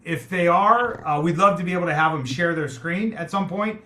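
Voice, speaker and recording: The meeting host here is a man with a high, pushed and bright voice, speaking at a moderate pace. He moderates an online town hall, welcoming the community on the video call in a friendly manner heavy with fillers like um and uh.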